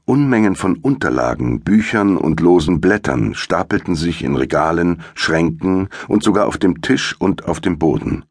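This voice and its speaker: A man narrates a first-person audiobook in a measured, dramatic way. His voice is extremely low and slightly husky. The recording is dry and close with no room sound. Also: lively intonation, no room sound.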